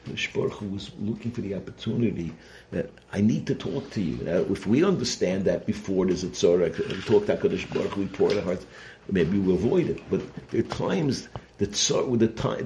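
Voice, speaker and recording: Male religious teacher, deep voice, conversational and halting delivery, some background noise. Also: a little mellow. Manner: conversational, halting, repeats phrases, rhetorical check-ins. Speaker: rabbi giving a Torah lesson. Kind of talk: informal sermon, Torah lecture.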